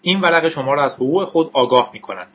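A man's voice: fairly high pitch, lively intonation, husky, lo-fi sound, voice pushed up. A man doing a stern contemptuous agent. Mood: cold. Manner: cold, contemptuous, clipped.

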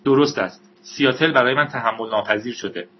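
A man's voice: mid-range voice, slightly rough, lo-fi sound, natural voice. Eager young woman, joking and thrilled, read by a male narrator in a storybook. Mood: amused. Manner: excited, joking.

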